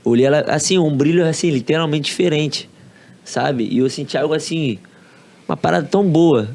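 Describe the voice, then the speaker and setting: A man from Rio de Janeiro with a Carioca accent, a podcast guest telling a personal story in slangy, relaxed talk and acting out quoted dialogue. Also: a little high, fairly quick, vocal fry. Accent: Carioca Brazilian Portuguese. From Rio de Janeiro, Brazil. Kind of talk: casual storytelling.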